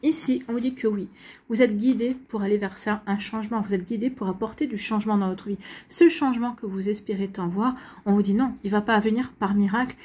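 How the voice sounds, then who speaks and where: Hiccuping throughout, a French astrology and tarot reader talks to her viewers in a medium-pitched, slightly mellow, husky voice. Her reading is casual and rambling, with plenty of restarts and reassurance.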